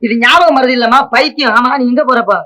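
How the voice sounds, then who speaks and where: A man's voice: very high voice, quick pace, pushed and bright, low-quality recording. An actor playing a worried middle-aged father-in-law in a 1960s film comedy, grumbling and exasperated.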